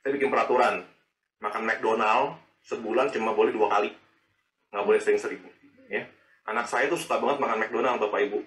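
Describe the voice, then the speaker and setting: A man, preaching a sermon in a lively, chatty way full of rhetorical questions. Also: on the low side, a little fast, pauses often. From Indonesia. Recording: echoey and distant.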